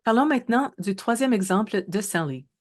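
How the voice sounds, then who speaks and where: An expressive, mid-range voice belongs to a woman in her thirties presenting research in a webinar. She speaks in a measured way but hesitates a lot and frequently corrects herself.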